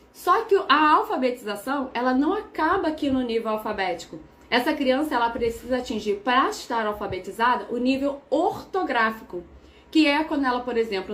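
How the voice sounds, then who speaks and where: Brazilian woman teacher, young adult, slightly high pitch, methodical and repetitive in her explanations. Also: a bit bright. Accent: Brazilian Portuguese. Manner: patient, methodical, repeats key terms.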